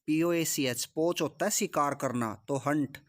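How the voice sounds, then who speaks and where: A man's voice: a little high, unhurried. A man teaching English vocabulary in Hindi. He repeats each word and its meaning and asks rhetorical questions as he drills the list. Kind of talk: vocabulary lesson.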